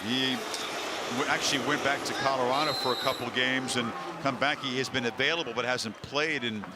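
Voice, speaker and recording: A man's voice: medium pitch, steady tone, brisk, heavy background noise. A man calling live football play-by-play as a broadcast announcer.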